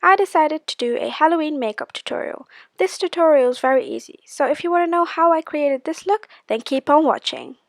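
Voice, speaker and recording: A woman's voice: sits high, big pitch swings, a little fast, creaky, no room sound, studio quality. A woman giving a casual, chatty makeup tutorial, explaining step by step. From Sri Lanka.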